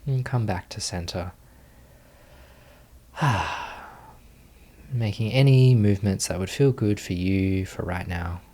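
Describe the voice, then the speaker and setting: In a deep voice, a man leads a guided meditation as its teacher. He speaks gently and calmly at an unhurried pace, letting long pauses fall between phrases.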